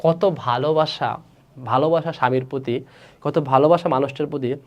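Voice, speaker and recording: A man with a Bangladeshi Bengali accent teaches a literature class, his voice sitting a little high. He reads lines from a story aloud, then breaks them down in plain, casual speech and puts questions to his students. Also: normal speed, lo-fi sound.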